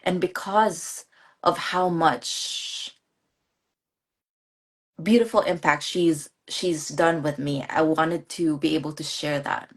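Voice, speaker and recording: A woman from the Philippines answers questions on a live online interview in a low, soft-spoken voice. She talks earnestly, often restarting phrases and laughing lightly between thoughts. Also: steady tone, slow. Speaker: guest, course graduate.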